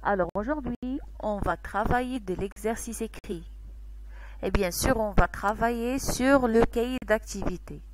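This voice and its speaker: A woman teaching young children a lesson, who repeats each word slowly and keeps asking whether they follow. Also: fairly high pitch, slight background noise. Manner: slow, repeats words, asks "d'accord?" often.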